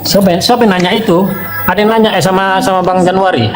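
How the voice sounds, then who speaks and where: A man's voice: high voice, steady tone, fast talker, over loud music. A man moderating a heated online debate, impatient and mocking, often cutting in on others.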